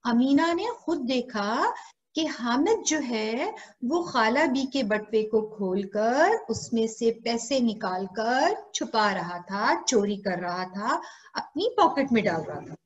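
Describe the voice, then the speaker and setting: A woman's voice: a little high, expressive, slow pace, dull audio. A woman teacher with a Pakistani Urdu accent, telling a story to young pupils over a video call and repeating lines back to them as questions. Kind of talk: online class storytelling.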